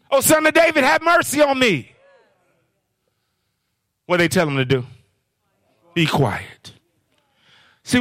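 A man's voice: high-pitched, no echo, clean studio sound. A man preaching a sermon as guest speaker, questioning the crowd and rising into sing-song phrases. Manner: call-and-response preaching, sing-song rises.

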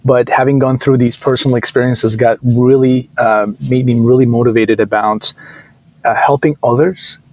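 Turkish-accented male founder in his thirties, mid-pitched, conversational and hesitant, guest on a podcast. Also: steady tone, moderate pace, darkish tone, no room sound, low-quality recording. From Turkey. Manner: hesitant, many fillers and restarts. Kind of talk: casual interview talk.

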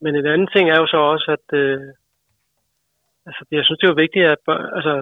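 A man's voice: fairly high pitch, dry recording. A man, an author, talking casually and hesitantly about his writing, with many fillers. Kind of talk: casual interview answer. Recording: tinny, dry phone line.

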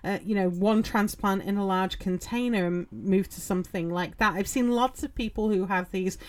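A woman's voice: mid-range voice, moderate pace, darkish tone. A woman hosting a gardening podcast, talking casually in a chatty, rambling way with lots of ums and you-knows. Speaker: podcast host. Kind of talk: casual solo podcast talk.

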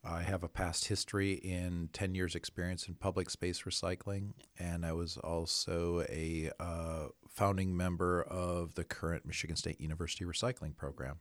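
A man introduces himself as a guest on an interview show. His voice is deep, and the recording is dry and close. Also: flat delivery, moderate pace, few pauses, dry recording. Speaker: interview guest, recycling projects manager.

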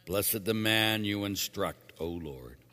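A man's voice: fairly low pitch, expressive, slow pace, pushed and bright, long reverb tail. A man speaking as a priest, reading scripture and then giving a plain-spoken, emphatic homily with casual asides.

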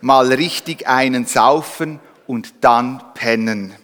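A man's voice: medium pitch, slow, a bit bright. A man voicing an ox who loves drinking and sleeping, in a reverberant hall. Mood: boisterous. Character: boozy sleepy ox.

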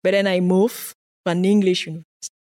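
Speaking quickly and flatly in a lowish, darkish voice, a guest research scientist answers interview questions in a conversational way. The earnest woman, from Cameroon and French-speaking by birth, tells stories with occasional laughs and words said twice.

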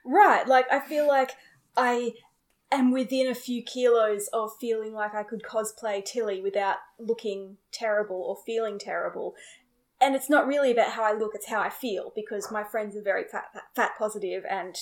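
A woman co-hosting a casual podcast chat, opinionated and animated, talking in long thoughtful runs. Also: a little high, normal speed. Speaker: podcast co-host.

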